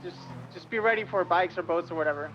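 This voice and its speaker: A man playing a police officer, giving orders and callouts over a walkie talkie radio, halting, with many fillers and restarts. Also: high voice, soft background music. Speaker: police officer leading a pursuit. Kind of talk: roleplay radio traffic. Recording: muffled lo-fi radio with hiss.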